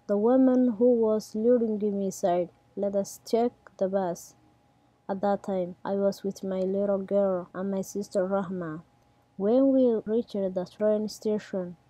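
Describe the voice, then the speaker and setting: A woman in her twenties from Somalia, with a Somali accent, reading her own story slowly and plainly in simple non-native English. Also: mid-range voice, dark tone, dry recording. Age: 20s. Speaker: immigrant storyteller. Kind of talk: read personal narration.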